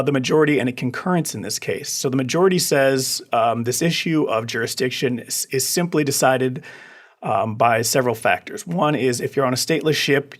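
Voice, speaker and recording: A man, an attorney guest on a legal podcast, explaining a case in a casual, musing way with frequent restarts. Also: mid-range voice.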